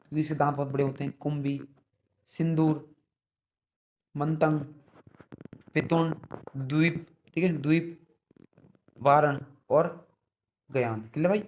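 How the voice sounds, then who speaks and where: A young man teaching an online exam-prep lesson, repeating each word and often asking the listeners, whom he calls brother, whether it is clear. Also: a little high, a little hiss or hum. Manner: repeats words and checks understanding often.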